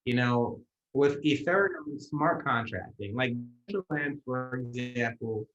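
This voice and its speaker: A man heard through a video call link, chatting as a podcast guest. His pitch sits in a middling range. He talks eagerly and trips over his words, repeating a phrase before pushing on. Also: a little slow, a bit bright, dull audio. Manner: eager, stumbles and repeats words as he builds a point. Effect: heard over a video call connection. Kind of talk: casual conversational interview.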